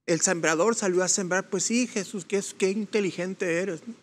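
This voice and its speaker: A man's voice: high voice, normal speed. A man speaking earnestly and reflectively in a casual Bible discussion.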